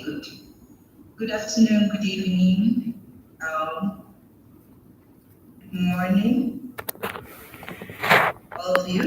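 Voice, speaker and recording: A woman's voice: lowish voice, noisy background. A woman from Ghana, formally introducing herself to a panel over a video call. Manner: polite, formal greetings, laughs lightly. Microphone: video call played over room speakers. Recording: echoey room audio picked up from far off.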